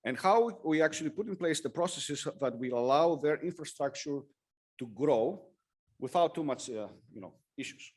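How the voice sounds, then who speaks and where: Halting man presenting a technical talk. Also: a little high, darkish tone. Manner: halting, with frequent hesitations and self-corrections. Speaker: conference presenter. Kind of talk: technical lightning talk with slides.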